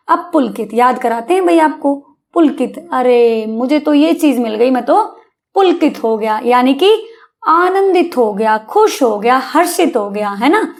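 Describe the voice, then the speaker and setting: A woman teaching a Hindi exam lesson to young pupils, coaxing them along and often checking they follow. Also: sits high. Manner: coaxing, repeatedly checking understanding with "है ना?".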